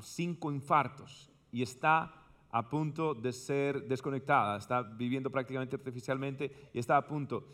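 A man, a pastor interviewing a church guest, who breaks into loud exuberant praise and then talks on. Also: medium pitch. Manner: exuberant, exclaims praise loudly.

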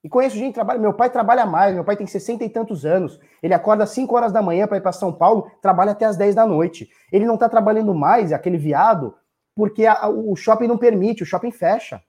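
Fast-talking and husky, this thirtysomething man has a high-sitting, darkish voice and a Brazilian Portuguese accent. He's a little tipsy, swearing freely and hammering the same points as he rants bluntly to his live stream chat.

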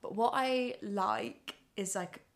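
A woman's voice: medium pitch, expressive, slow pace. A young woman from Surrey with a posh home counties accent, chatting casually and confessionally in a wry, self-mocking way. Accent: posh home counties English. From Surrey, England.

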